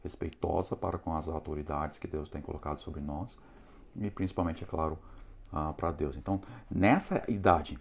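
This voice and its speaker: A man teaching parents in an earnest, moralizing way, pausing often with hesitant fillers. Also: extremely low pitch, creaky, husky. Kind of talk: preachy instructional talk. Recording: slightly dull lo-fi sound.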